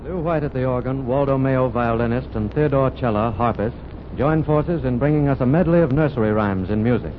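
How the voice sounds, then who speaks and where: A man in the middle pitch range introduces a music program in a measured, formal way. He reads a scripted introduction, as was usual on early radio. The sound is that of an old radio broadcast: dull, narrow and lo-fi.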